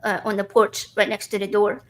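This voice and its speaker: A woman's voice: medium pitch, monotone, a little fast, a bit bright, poor audio. A woman in casual conversation, chatty, talking in loose sentences full of "like" and restarts. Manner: chatty, many likes and restarts.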